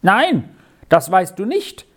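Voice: big pitch swings, slow, fairly bright tone, full character voice. A storyteller voicing a lonely, earnest little boy in a children's storybook, raising the voice to sound young and pleading. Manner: pleading, higher-pitched childlike voice. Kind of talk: storybook reading.

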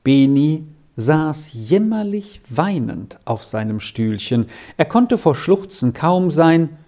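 A man narrating a children's story in a calm, measured reading. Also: fairly high pitch. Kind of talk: audiobook narration.

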